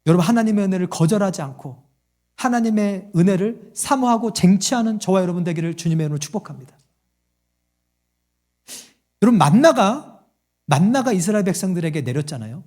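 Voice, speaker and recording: A man's voice: high voice, lively intonation, fairly quick, pauses often, darkish tone. A male pastor preaching a sermon to his congregation, quizzing them with questions and acting out the voices in his stories. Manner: acts out quoted voices in a story.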